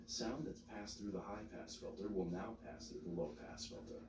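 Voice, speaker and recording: Low-voiced man narrating a roomy tutorial. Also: lively intonation, noisy background. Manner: measured step-by-step explaining. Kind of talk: scripted instructional narration. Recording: roomy, distant mic, music behind.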